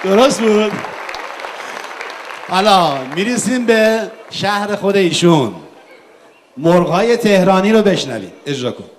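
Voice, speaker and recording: A man's voice: high-pitched, lively intonation, long pauses, a faint crowd, slight background noise. A man hosting a comedy sketch on stage, playing the exasperated straight man. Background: live audience.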